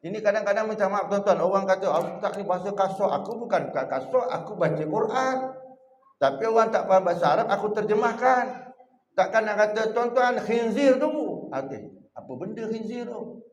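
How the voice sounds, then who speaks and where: A man with a Malaysian Malay accent giving a jokey, animated evening lecture in a mosque, often addressing the congregation directly. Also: high voice, a little fast. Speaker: preacher. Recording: echoey mosque hall.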